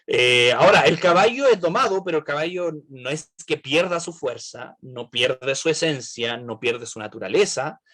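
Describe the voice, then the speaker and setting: A man's voice: on the high side, animated, normal speed, hardly any pauses, bright, forceful tone. A man leading an online Bible study, asking the group questions and checking in with "right?".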